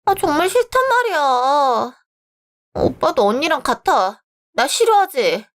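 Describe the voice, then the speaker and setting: A woman's voice: on the high side, sing-song, normal speed. A woman voicing a spoiled, sulky young sister-in-law who whines childishly. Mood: whiny.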